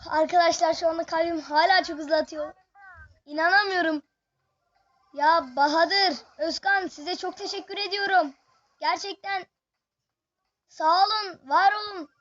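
A high, bright voice commentates a mobile game live, excitable and chatty, turning to the viewers again and again. The sound is dull and lo-fi, like a home recording. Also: normal speed. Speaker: gaming video host.

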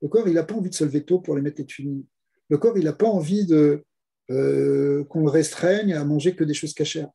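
Husky, mellow-voiced rabbi teaching. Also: male voice, on the high side, fairly quick. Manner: rhetorical questions, explains step by step, repeats key words. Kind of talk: Torah lesson.

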